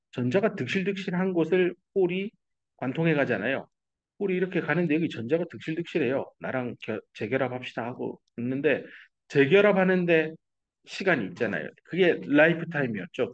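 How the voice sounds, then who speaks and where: A middle-aged male professor giving a lecture, explaining step by step and mixing English technical terms into casual asides. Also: a little high. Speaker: university professor. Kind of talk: recorded lecture. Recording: dull lo-fi classroom recording.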